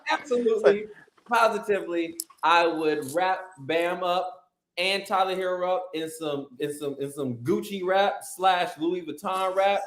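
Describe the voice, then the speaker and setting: A man's voice: sits high, unhurried, a little hiss or hum. A man guesting on a casual sports podcast, ranting animatedly and swearing often as he jokes. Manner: animated, profane, joking rants. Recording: roomy echoey sound.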